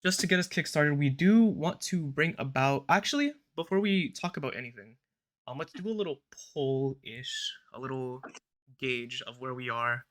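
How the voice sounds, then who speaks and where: Bright-voiced young male podcast host. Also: mid-range voice, moderate pace. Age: young adult. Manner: relaxed, rambling, filler-heavy, recites a prayer. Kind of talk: casual podcast chat.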